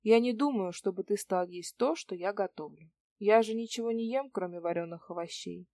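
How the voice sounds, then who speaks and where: A woman voicing a calm, idealistic young woman who answers in a cool, matter-of-fact way. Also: medium pitch, normal speed, no room sound, clean studio sound, lightly acted. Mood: quiet, sincere.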